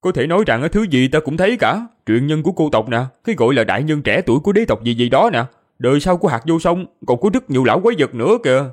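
A man's voice: fairly high pitch, quick pace, few pauses. A man voicing an easygoing, boastful young male hero who brags casually. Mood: casual bragging. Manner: lively, casual bragging.

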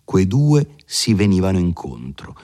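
A man reading a classic novel aloud in a measured, expressive way. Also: low-pitched. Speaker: audiobook reader. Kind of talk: scripted literary reading.

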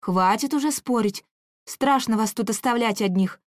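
A woman's voice: on the high side, normal speed, dry recording, close to an everyday voice. Firm, dryly joking village mum , read by a woman, close dry sound. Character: mother of two girls, village housewife.

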